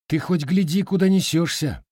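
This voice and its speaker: A man's voice: mid-range voice, animated, normal speed, darkish tone, dry recording, studio quality, voice pushed up, natural voice. A man voicing a firm, mocking young Cossack hunter in an audiobook. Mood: wry.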